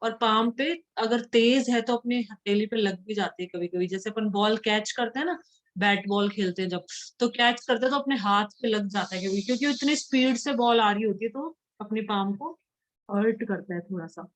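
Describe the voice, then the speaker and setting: A woman teacher explaining a science lesson in Hindi, reading English sentences slowly and carefully. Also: on the high side. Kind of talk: classroom lesson.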